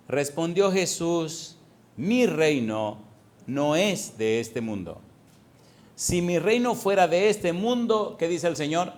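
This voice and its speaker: A male pastor preaching a sermon, swinging from hushed tones to loud bursts and firing rhetorical questions at the congregation. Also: medium pitch.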